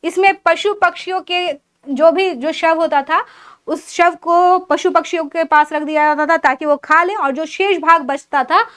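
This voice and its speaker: A woman's voice: very high voice, measured pace, a bit bright. A woman giving an exam-prep history lecture, explaining step by step, asking questions and answering them herself, and listing items one by one. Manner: explanatory, asks and answers her own questions. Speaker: teacher.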